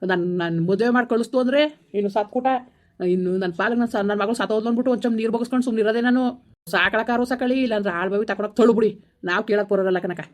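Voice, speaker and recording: A woman's voice: medium pitch, lightly acted. A woman playing a furious village father. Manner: harsh, scolding, rapid outbursts. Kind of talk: village comedy skit acting.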